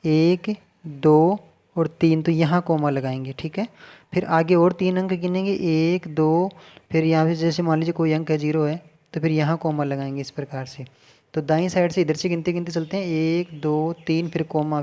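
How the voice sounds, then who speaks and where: Male teacher, patient, counts out loud step by step, warm mellow tone. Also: fairly high pitch, fairly even intonation. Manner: patient, repeats and counts digits aloud slowly. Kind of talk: casual classroom explanation at a board.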